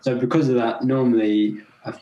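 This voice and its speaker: A young racing rider with an English accent, raised partly in Scotland, chats casually as a podcast guest in a mid-range voice at normal speed. He's relaxed and chatty, laughing as he tells stories in this interview. The room is echoey and the sound lo-fi.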